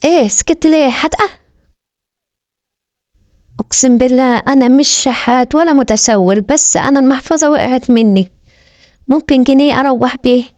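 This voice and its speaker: A woman with an Egyptian Arabic accent dubs animal clips with comic voice-overs, her colloquial speech playful and bantering. Her voice is high with a darkish tone, at normal speed with frequent pauses. The lo-fi recording has no room sound.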